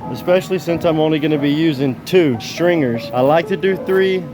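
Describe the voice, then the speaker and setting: A man's voice: on the high side, a little fast, music in the background, low-quality recording. A man gives a casual, folksy, easygoing project walkthrough as a handyman vlogger, slurring slightly and whistling on his s sounds because of dentures.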